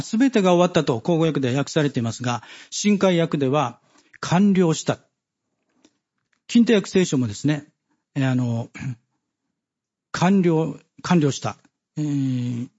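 A man giving a Bible study sermon, measured and halting with many fillers, reading scripture passages aloud. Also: a little high, mellow, slightly rough, lo-fi sound. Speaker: preacher.

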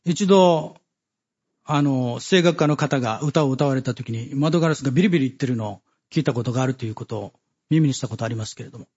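Husky man preaching a Bible study. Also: mid-range voice, a little mellow, muffled recording. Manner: measured, with many fillers and pauses, reading scripture aloud.

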